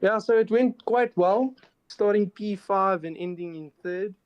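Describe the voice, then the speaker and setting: A South African sim racing driver, guesting in a post-race interview, recounts his race matter-of-factly and often restarts words. His voice sits high, clear and resonant, at a measured pace, in a dry recording.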